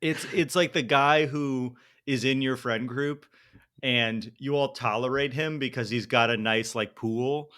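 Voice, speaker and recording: A young man co-hosting a soccer podcast, loose and irreverent, with a middle-pitched voice. He jokes freely and breaks into laughter as he riffs. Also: a little slow, fairly bright tone, smooth. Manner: joking, irreverent, laughs often. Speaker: podcast co-host. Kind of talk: casual podcast banter.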